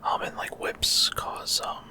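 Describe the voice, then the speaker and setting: Slow and entirely whispered, a breathy male voice sits close to the microphone as a gaming ASMR host rambles through play. He's often uncertain of details, easing his way through each explanation in a casual manner.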